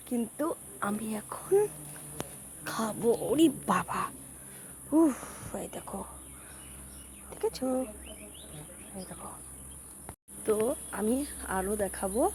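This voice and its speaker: A woman giving a casual tour of her home garden, talking softly and often whispering, hot and sweaty from the heat. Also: medium pitch, lively intonation, a little slow, pauses often, slight background noise. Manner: speaks softly on purpose, often drops to a whisper. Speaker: lifestyle vlogger.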